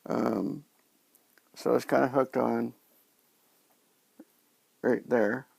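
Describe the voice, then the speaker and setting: Slow, gravelly man with a sore post-surgery mouth. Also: mid-range voice, steady tone, a little mellow, no room sound. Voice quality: slightly impeded articulation from new dentures and sore mouth. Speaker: vlogger sharing recovery from dental surgery. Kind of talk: casual video diary.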